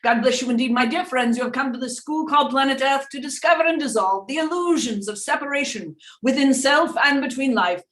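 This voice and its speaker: A woman's voice: high-pitched, brisk, hardly any pauses, a bit bright, voice pushed up. Seance medium role: exalted male spirit doctor played by a woman, raised declamatory voice, formal benedictions, roomy distant sound. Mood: exalted, benevolent. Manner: declamatory, preacherly, archaic formal phrasing. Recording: roomy, distant microphone on internet call.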